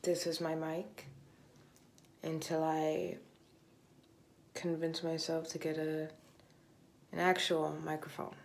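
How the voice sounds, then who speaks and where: A woman's voice: low-pitched, completely flat delivery, slow, vocal fry, long pauses. A young woman vlogger chatting casually with hesitant ums, speaking into a cardboard tube as a joke mic. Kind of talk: casual vlog chat.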